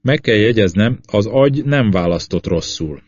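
A man calmly narrating a science fiction audiobook. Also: on the low side, dry recording. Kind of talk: scripted novel narration. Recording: slightly dull lo-fi audio.

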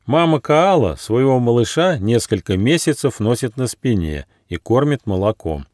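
Man voicing gentle gnome wizard, slightly raised, lively tone, storybook. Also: medium pitch, moderate pace, no room sound, clean studio sound, close to an everyday voice. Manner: gentle, sighing. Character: kind small male gnome wizard.

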